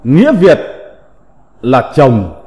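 A man teaching a slow recited vocabulary lesson, reading in a deliberate, measured way with drawn-out syllables. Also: mid-range voice, huge pitch swings, mellow. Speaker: teacher of classical characters. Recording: long reverb.

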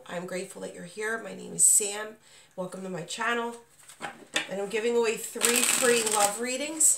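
A woman with a mid-range voice, not at full strength as she recovers from being sick, gives a casual, unscripted tarot reading, speaking reassuringly and directly to the listener. She's a channel host seated at a table in a small, dim indoor room, recorded very noisily with a distant microphone and roomy echo.

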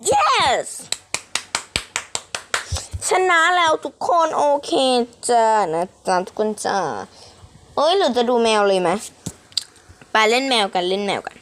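A young woman giving playful, animated commentary while playing a mobile game, often squealing with excitement. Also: on the high side, normal speed, slight background noise. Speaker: gaming streamer.

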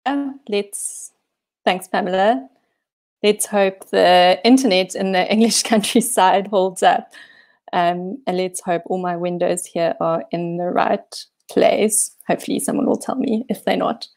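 Her voice is medium-pitched, steady and gravelly with a darkish tone, and she keeps a measured pace. This thirty-something guest speaker from South Africa, with a South African accent, talks casually over video call from a home room on holiday, poking fun at herself and chatting with lots of fillers.

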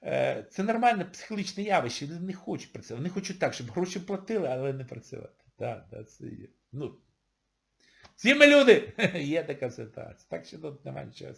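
A middle-aged man talks through casual video commentary in a sarcastic, mocking way. His voice sits high and swings widely in pitch, and he often jumps into loud, shouted mimicry. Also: lively intonation, fast, vocal fry, hardly any pauses. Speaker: video blogger.

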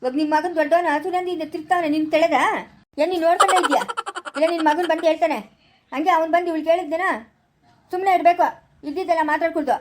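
A hot-tempered village elder, played by a woman, fires off threats at great speed. The voice is high and never lets up in this family drama. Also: fairly even intonation, a little hiss or hum. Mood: furious. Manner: furious, threatening, rapid-fire. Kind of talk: amateur village drama acting.

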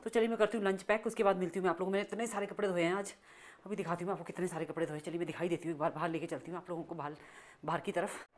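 A woman's voice: on the low side, steady tone, rapid-fire. A woman vlogging casually at home and outside, chatty and scolding as she rambles. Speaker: family vlogger. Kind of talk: casual vlog narration. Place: home and outdoors. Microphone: phone camera.

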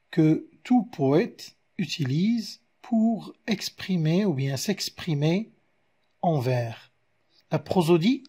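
Man, Moroccan French accent, teacher, slow careful delivery, mellow husky voice. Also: a little high. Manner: slow, explains step by step with examples; counts syllables aloud one by one. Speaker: literature teacher. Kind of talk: explanatory video lesson.

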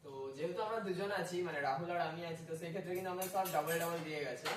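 A man's voice: fairly high pitch, fairly even intonation, rapid-fire, roomy sound, over loud music. A man talking casually to camera as a travel vlogger. He chats with his viewers as friends and mixes English words into his talk.

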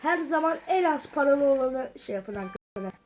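High, mellow female gaming commentator. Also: lively intonation, normal speed, dull audio, slight background noise. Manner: talks to viewers and mutters reactions to the game. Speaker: gaming video host. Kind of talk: casual gameplay commentary.

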